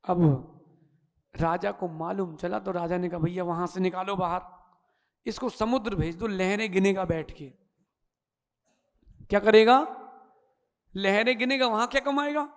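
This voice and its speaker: A man with a high voice delivers a sermon in a hall that rings with long reverb. He tells folksy stories in a lively way, acting out each character as he goes. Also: unhurried, vocal fry, pauses often, clear, resonant tone. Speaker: Jain monk giving a discourse. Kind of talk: sermon with storytelling.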